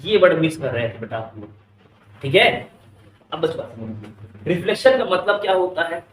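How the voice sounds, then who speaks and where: This Indian English-accented physics teacher keeps firing questions at his class and calls the students "beta." His voice runs on the high side, very animated and fairly bright, at a normal pace. There's a little hiss or hum, and the distant mic picks up classroom echo.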